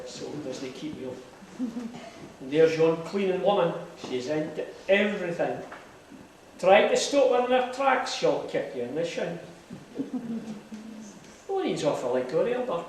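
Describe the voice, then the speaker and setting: Echoey, higher-pitched man, broad Scottish accent. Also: a little mellow. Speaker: amateur poetry reciter. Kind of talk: live recital of comic dialect verse. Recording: very echoey hall, distant mic, noisy.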